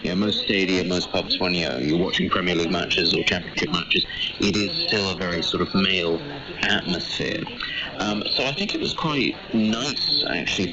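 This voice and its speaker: A man giving measured, carefully qualified conversational commentary as a panel guest over a video call. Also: low voice. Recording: muffled video call, voices behind.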